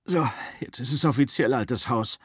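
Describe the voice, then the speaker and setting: A man's voice: medium pitch, moderate pace, slightly rough, no room sound, studio quality, voice pushed up, close to an everyday voice. A man reading an audiobook, voicing a bitter, hot-tempered male actor who rants and curses about his failing career. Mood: gloomy. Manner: angry, cursing, ranting. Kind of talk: audiobook character voice.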